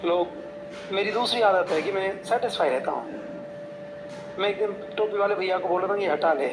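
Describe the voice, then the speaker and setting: A man's voice: high-pitched, roomy sound, noisy background. A young man, a coaching teacher, telling chatty, jokey anecdotes full of quoted dialogue to motivate his students.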